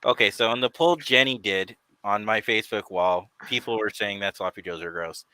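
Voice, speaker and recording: A man's voice: on the low side, normal speed, sharp tone, dry recording, poor audio. A man co-hosting a casual online talk show, rambling and laughing often. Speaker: podcast co-host. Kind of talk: casual chat.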